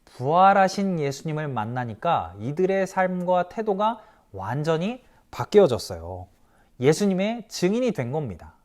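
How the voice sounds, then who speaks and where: With a slightly raised pitch and an unhurried, measured delivery, a man preaches to children as their pastor. He animates the story, asks the kids questions, and gives voice to the people he quotes.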